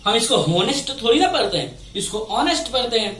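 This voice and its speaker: A man teaching grammar at a board, explaining patiently. He repeats each point and asks his students questions out loud. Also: extremely high pitch, sing-song, fast talker. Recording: roomy echo from a distance, faint background noise.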